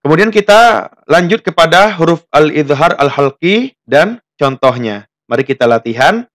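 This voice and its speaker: A man's voice: on the high side, lively intonation, fairly bright tone. A man from Indonesia teaching a tajwid lesson, explaining rules plainly and tagging his sentences with a questioning "ya". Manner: plain explanations, then slow drawn-out chanted recitation of the example verses; often tags sentences with "ya". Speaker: Quran recitation teacher.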